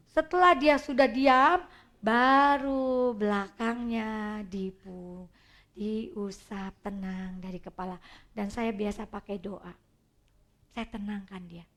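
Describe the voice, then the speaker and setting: A woman giving a church seminar on child development, animated at times and dropping to a soft hush at others. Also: fairly high pitch.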